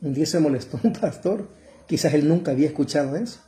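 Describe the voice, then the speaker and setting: Fervent preacher, dark tone. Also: male voice, on the high side, quick pace. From El Salvador. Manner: fervent, addresses listeners as brother, rises to loud cries when quoting. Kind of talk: sermon.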